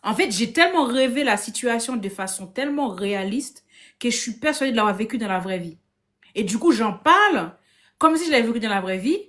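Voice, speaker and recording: A guest on a live discussion tells a story casually over a phone video stream, full of lively energy. She keeps restarting her sentences and performs the lines of the people involved, her pitch fairly high and her delivery brisk.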